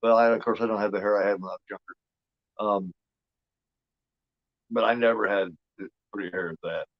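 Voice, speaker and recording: A man's voice: fairly low pitch, steady tone, a little fast, dry recording. Rambling fifty-year-old man, muffled audio. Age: 50s. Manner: rambling, repeats himself, frequent fillers and swearing. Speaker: host. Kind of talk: casual watch-along commentary.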